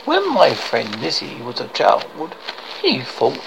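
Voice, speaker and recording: Brief: story narrator, gravelly and very varied in pitch, stumbling read, faintly noisy amateur recording. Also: huge pitch swings. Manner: halting, often stumbles and repeats words. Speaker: storyteller reading a short story aloud.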